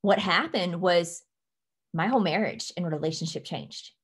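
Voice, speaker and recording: A young woman leading her team from a home office over a webcam, giving earnest, emphatic advice and slowing down to stress her key points. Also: fairly low pitch, husky. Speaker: team leader. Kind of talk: motivational coaching talk.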